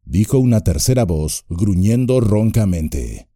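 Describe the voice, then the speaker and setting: A man narrating an audiobook with an expressive, dramatic reading. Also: lowish voice, measured pace, no echo, studio quality.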